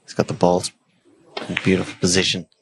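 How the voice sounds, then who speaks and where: Hushed, low-pitched man commentating on snooker. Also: completely flat delivery. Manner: understated, measured remarks in short phrases. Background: faint noise and snooker ball clicks.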